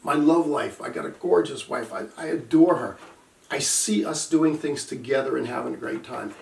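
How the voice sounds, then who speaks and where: A man's voice: medium pitch, moderate pace, gravelly. A middle-aged man, a recovery coach, talking earnestly and emphatically to camera and telling stories from his own life. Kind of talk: casual talk to camera. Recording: echoey room, mic at a distance.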